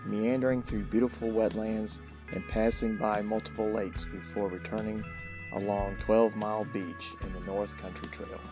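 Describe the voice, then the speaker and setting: Low-voiced male vlog narrator, steady and reflective, over background music. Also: normal speed. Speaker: hiking vlogger.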